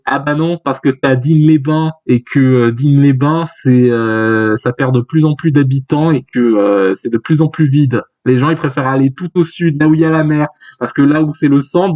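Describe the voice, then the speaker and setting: A man's voice: medium pitch, moderate pace, hardly any pauses, a little mellow. Rambling jokey young man, lo-fi mic. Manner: rambling, jokey, many fillers and restarts. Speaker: youtuber. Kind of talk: joking manga read-along commentary. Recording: dull lo-fi sound.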